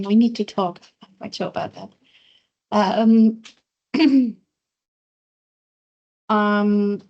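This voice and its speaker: A woman's voice: fairly high pitch, dark tone, dull audio. A woman moderating a hybrid workshop who gives friendly, brief prompts to the room.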